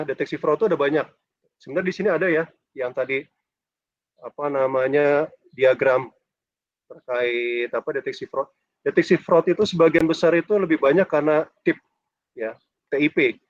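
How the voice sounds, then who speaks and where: A man's voice: on the high side, moderate pace, long pauses, no echo. A man lecturing a university class over a video call with a dull, choppy connection, chatty and ending phrases with a questioning "ya". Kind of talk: casual online class lecture.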